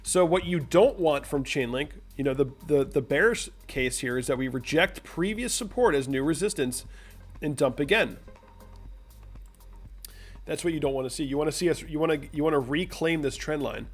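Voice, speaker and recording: A man's voice: fairly high pitch, moderate pace, husky, soft background music. A young man from the United States hosting a casual livestream, talking through charts and answering viewers' chat messages. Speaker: crypto livestream host.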